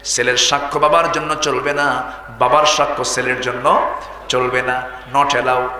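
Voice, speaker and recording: A man's voice: medium pitch, little pitch movement, unhurried, pushed and bright, echoey room, big-room sound, pitched below the performer's own voice. A man voicing a stern, upright judge of old within a sermon.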